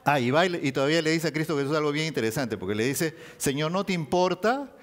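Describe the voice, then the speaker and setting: A man preaching a sermon, speaking in an animated way, rising and dropping his voice for emphasis. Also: a little high, racing.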